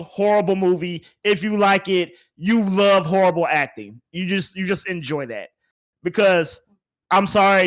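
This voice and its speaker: A podcast host with a voice that sits high and a fairly bright tone chats casually and with strong opinions, speaking emphatically and repeating words to drive points home.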